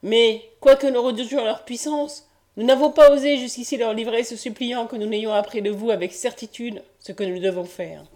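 A woman voices a grave male citizen of ancient Greece, addressing a god in formal, solemn phrasing. The voice sits fairly high for the part, read in an audiobook manner close to her own. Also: normal speed, darkish tone, natural voice.

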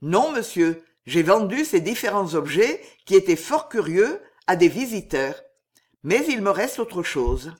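A man's voice: high voice, very animated, measured pace, husky, full character voice. A man voicing a humble prison concierge in a storybook reading, deferential and astonished. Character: humble old male prison concierge, awed and eager.

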